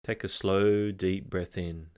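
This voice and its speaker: This scripted narration comes from a deep-voiced man guiding a meditation. His delivery is gentle, calm and measured, offering soft instructions.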